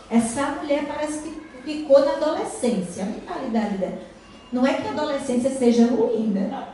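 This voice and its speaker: High-voiced woman in an echoey hall. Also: warm tone, far from the mic, a little hiss or hum. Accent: Brazilian Portuguese. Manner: addresses the audience directly, acts out quoted dialogue. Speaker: speaker at a parents' talk. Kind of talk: lively talk to an audience of parents. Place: school hall.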